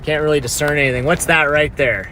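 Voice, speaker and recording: A man's voice: on the high side, fairly even intonation, quick pace, pushed and bright. A man giving casual, urgent live storm-chasing commentary, watchful and repeating himself as he speaks to his viewers. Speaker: storm chaser livestreamer. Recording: clear vehicle and ambient noise. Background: vehicle and outdoor ambient noise.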